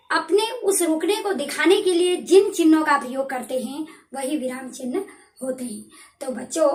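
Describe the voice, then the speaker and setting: A woman teacher giving a recorded grammar lesson to students. She explains patiently, repeats her points and asks and answers her own questions. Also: high-pitched. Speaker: school teacher. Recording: echoey room.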